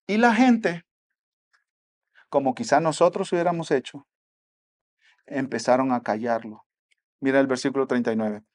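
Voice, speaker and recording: A man with a Mexican accent preaching a sermon as pastor, swinging between soft asides and loud exhortation. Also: mid-range voice, normal speed, long pauses.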